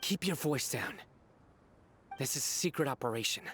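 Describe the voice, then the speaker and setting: An actor playing a stern, disciplined general in a video game, with a formal, serious, measured manner. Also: male voice, mid-range voice, lively intonation, fairly bright tone, slight background noise, close to an everyday voice. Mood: commanding.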